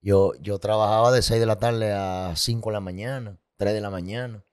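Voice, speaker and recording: Hombre de voz grave contando su historia. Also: male voice, lowish voice, fairly even intonation, moderate pace, a little mellow. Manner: emotional, vivid, repetitive sound effects. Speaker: guest. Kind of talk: candid personal storytelling.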